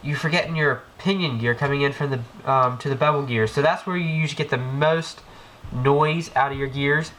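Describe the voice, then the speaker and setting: In a noisy, clicky home video, a man with a cold works on an airsoft gearbox on an indoor floor, giving a casual hands-on walkthrough. His voice is mid-range, steady and fairly bright, at normal speed with hardly any pauses, though he rambles with many ums and restarts.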